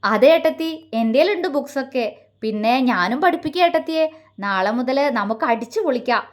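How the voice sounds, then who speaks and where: Lady doing a bubbly college girl, cheerful and quick, storybook audio. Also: high voice, animated. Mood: happy. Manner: bright, bubbly.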